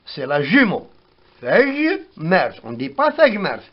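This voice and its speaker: A man giving a spoken language lesson, slowly repeating words to show how they are pronounced, on a dull lo-fi recording. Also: a little high, wildly swooping pitch, breathy edge. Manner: slow, repeats words for pronunciation. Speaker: language teacher.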